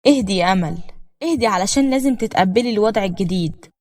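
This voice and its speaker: A woman voicing a cold, unfaithful young husband, speaking flatly and a bit lower than her own voice. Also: fast, close to an everyday voice. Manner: cold and flat.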